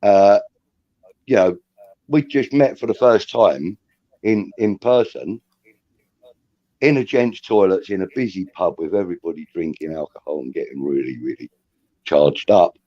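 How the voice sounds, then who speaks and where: A man's voice: low voice, normal speed, pauses often, mellow, dry recording. A man hosting a casual fan chat show, telling stories with lots of ums and laughs. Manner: chatty storyteller, laughs often, says um and uh. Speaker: host of a fan talk show. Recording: dull lo-fi recording.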